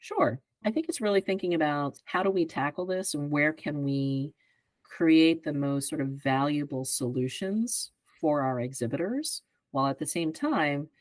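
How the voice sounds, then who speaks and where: A woman in her fifties, a guest on a podcast, explaining her work in a measured way and often checking in with "right?". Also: sits low, a little mellow, no echo, rough recording. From greater Philadelphia area. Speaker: advertising executive guest. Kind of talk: podcast interview answers.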